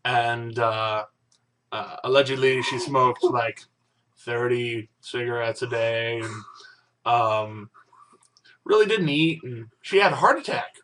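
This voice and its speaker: A man's voice: mid-range voice, slow, a bit bright, far from the mic, slight background noise. A man co-hosting a casual news-chat podcast, joking and rambling as he talks. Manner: joking, rambling, self-deprecating. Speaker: podcast co-host.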